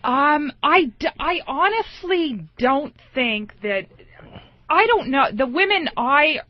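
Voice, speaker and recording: A woman comedian defends herself in a hesitant way on talk radio. Her voice sits a little high, and the recording is dull and lo-fi. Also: expressive, takes it slowly, dry recording. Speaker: comedian guest.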